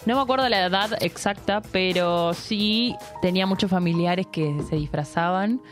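A woman's voice: lowish voice, normal speed, soft background music. A young woman with an Argentine Rioplatense accent, a radio co-host who chats expressively and laughs easily. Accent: Rioplatense Spanish. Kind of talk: casual banter on air.

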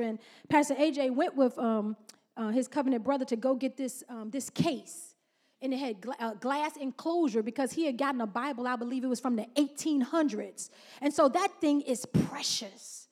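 Lady pastor preaching, real high voice, drags out the big words, lots of come on y'all. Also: a little mellow. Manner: preaching with call-and-response, drawn-out emphasis. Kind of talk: sermon.

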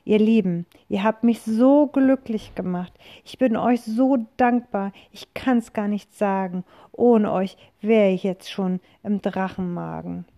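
A woman voicing a frightened, excitable female witch with shrill, loud cries while reading a rhyming picture book aloud. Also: unhurried, few pauses, lightly acted. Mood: joyful.

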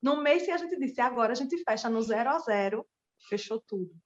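Lively in intonation and fairly quick, this high-leaning female voice comes through with lo-fi sound. The speaker, a pole dance teacher and small-business owner, shares her personal story earnestly and addresses listeners directly as a testimony.

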